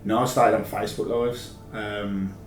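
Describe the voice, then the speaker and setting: A man's voice: on the low side, steady tone, unhurried. A man in his thirties with an English accent, telling anecdotes in an informal, matey, rambling way as an interview guest. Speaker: podcast guest, live-streamer. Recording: roomy, distant sound with music behind.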